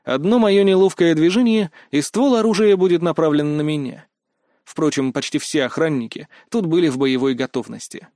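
A man narrating a first-person fantasy audiobook with steady, wry storytelling. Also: fairly high pitch, moderate pace, no room sound, clean studio sound.

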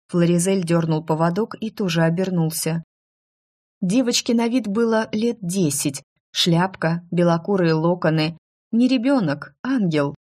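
Female audiobook narrator, low register, lively and ironic storytelling.

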